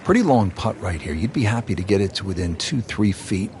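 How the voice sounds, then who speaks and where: A man working as a golf play-by-play commentator, calling shots in short, measured phrases. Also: lowish voice, lively intonation, darkish tone, slight background noise. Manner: addresses his co-commentator by name, short measured calls.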